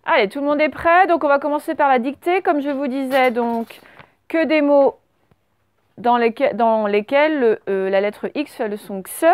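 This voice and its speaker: A French woman teacher giving a slow dictation lesson to young children, stretching out words and spelling letters. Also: sits high, dry recording. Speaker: primary school teacher.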